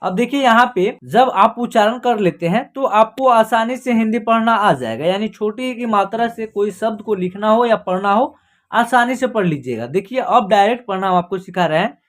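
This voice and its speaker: A woman's voice: mid-range voice, expressive, moderate pace. A woman teaching beginners to read in an online class, spelling out each letter and then asking and answering her own questions about how the word sounds. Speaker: Hindi reading teacher. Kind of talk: online beginner reading lesson.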